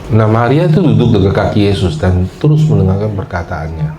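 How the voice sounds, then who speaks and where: A man preaching a sermon as pastor, lively and joking, acting out the prayers he quotes and often addressing his listeners directly. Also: lowish voice, brisk.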